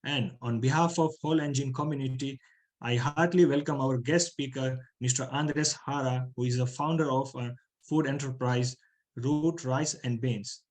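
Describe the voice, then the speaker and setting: A man's voice: mid-range voice, fairly even intonation, moderate pace, darkish tone, poor audio. A man hosting an online talk, formal in his welcomes and hesitant in places. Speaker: host.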